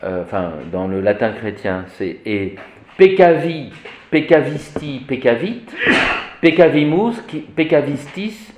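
Male Latin teacher, unhurried delivery, lively rising and falling pitch, echoey room. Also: a little hiss or hum. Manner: animated, repeats "vous voyez", vivid examples. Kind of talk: classroom lecture.

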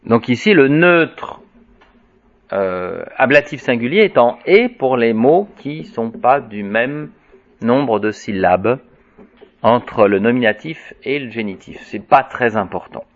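A man's voice: mid-range voice, lively intonation, slow. A man teaching a Latin lesson, chanting the word forms aloud and explaining them between the chants. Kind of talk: lesson reciting declensions. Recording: dull lo-fi recording.

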